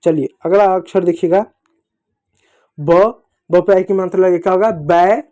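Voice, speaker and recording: A man teaching young children to read in a slow, patient way. He repeats each sound, asks the children to echo it and calls them dear children. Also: high voice, steady tone, warm tone. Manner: addresses children fondly. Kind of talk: children's reading lesson.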